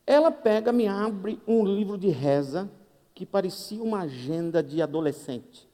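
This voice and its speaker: Lively Brazilian preacher in an echoing hall. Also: male voice, sits high, a little slow. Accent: Brazilian Portuguese. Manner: lively, humorous, conversational, acting out dialogue. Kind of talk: sermon with storytelling. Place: church hall. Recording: long reverb of a church hall.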